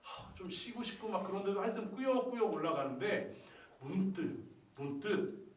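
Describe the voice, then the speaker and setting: Retreat leader, man, vivid storyteller, slightly raised pitch, distant from the mic in an echoing hall. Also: lively intonation, moderate pace. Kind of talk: retreat meditation talk.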